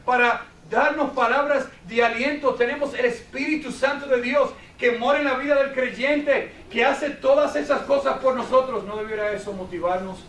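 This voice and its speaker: High-voiced man preaching in an echoey hall. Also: moderate pace, hardly any pauses, distant mic, slight background noise. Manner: preaching with rhetorical questions, ending quietly and intensely. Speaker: pastor. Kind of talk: sermon. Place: church sanctuary.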